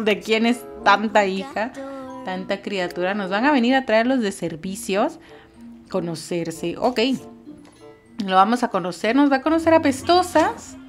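Woman gamer, casual running commentary, talks to her sims, light music bed. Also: medium pitch. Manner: chatty, talks to her game characters. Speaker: gaming YouTuber. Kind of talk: casual Let's Play commentary. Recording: game music behind.

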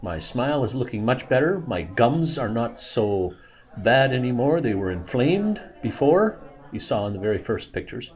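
A man's voice: medium pitch, sing-song, normal speed, a little mellow, highs cut off. A man in his sixties narrating a casual vlog in a dental clinic, chatty and plain-spoken, laughing at himself. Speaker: vlogger.

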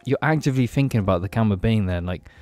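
A man's voice: fairly low pitch, animated, rapid-fire, darkish tone, soft background music. A man in his twenties chatting casually on a podcast, rambling and repeating himself as if whiskey-drunk. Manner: tipsy, rambling drunk talk with repeated phrases. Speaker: podcast co-host. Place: small padded attic room. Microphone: podcast mic on boom arm.

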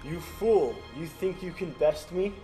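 A proud, threatening lord thunders out in a big booming voice, as if magically amplified, with a man putting it on at the gaming table. The voice is pitched a little higher than his usual talk and slows into a grand, boastful delivery. Faint music plays behind it. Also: mellow, close to an everyday voice. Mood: menacing. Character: booming, menacing male lord, projected as a magical illusion. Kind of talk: acting out a character in a tabletop game.

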